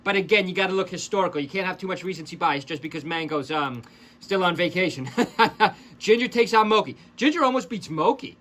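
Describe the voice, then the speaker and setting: A man giving casual, excitable play-by-play commentary over fighting game footage, breaking off into chatty asides to his viewers. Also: high voice, a little fast. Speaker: esports commentator and channel host.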